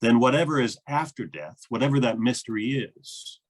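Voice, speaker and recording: A man's voice: mid-range voice, lively intonation, normal speed. A man, a minister, interviewing a guest in an earnest, thoughtful way with frequent fillers. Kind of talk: reflective conversation.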